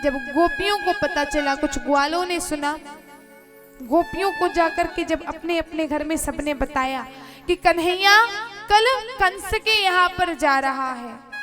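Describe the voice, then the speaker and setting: Casting: woman preacher, very high voice, dramatic storytelling over clear music. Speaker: devotional storyteller. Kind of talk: devotional story sermon.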